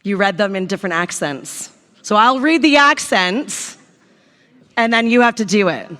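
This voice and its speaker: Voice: mid-range voice, lively intonation, moderate pace, bright, forceful tone. A co-host of a live awards gala, teasing a partner and introducing an award. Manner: teasing, bossy banter.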